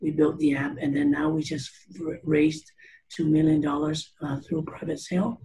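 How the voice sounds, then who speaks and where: Middle-aged founder from Canada, chatty guest, fairly high for a man, gravelly, heard through a webcam. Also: level tone, normal speed, warm tone, a little hiss or hum, poor audio. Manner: chatty, many fillers and restarts. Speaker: startup founder interviewed. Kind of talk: video call interview. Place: room with teal curtains. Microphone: video call webcam.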